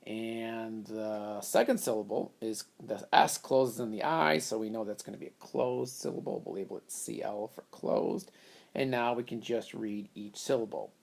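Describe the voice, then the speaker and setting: Man teaching phonics in a gravelly voice. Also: fairly low pitch, normal speed. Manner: patient step-by-step explaining. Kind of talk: phonics lesson at a whiteboard.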